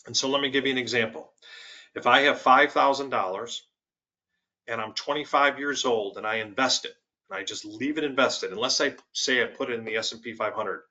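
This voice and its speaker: A man guesting on a finance webinar, his voice bright and forceful. He talks through worked examples with emphasis. The sound is dull and lo-fi, like a web call. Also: medium pitch, a little fast. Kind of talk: webinar explanation.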